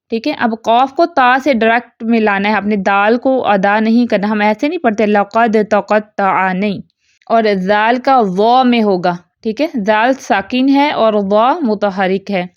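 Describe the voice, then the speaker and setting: A woman teaches a Quran recitation lesson, explaining each rule patiently and checking in often. Her voice sits a little high, and she slows right down to recite examples. The recording is dry and a little dull. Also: dry recording. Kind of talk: online tajweed lesson.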